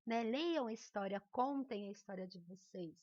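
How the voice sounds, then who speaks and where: A woman's voice: on the high side, moderate pace, a little mellow, dry recording, dull audio. A woman teacher with a Brazilian accent, giving a recorded remote lesson in a patient, encouraging way and often checking in with her students. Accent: Brazilian Portuguese.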